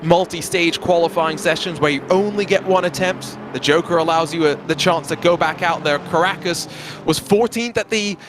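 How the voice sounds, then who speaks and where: A man's voice: a little high, normal speed, background noise. A man giving live commentary on a racing event as part of a broadcast team. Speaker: motorsport commentator.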